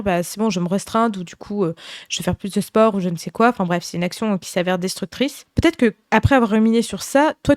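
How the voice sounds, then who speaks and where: A young woman hosting a podcast, giving gentle, earnest advice in a casual way, with many fillers and restarts. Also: medium pitch, no echo, studio quality. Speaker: podcast host.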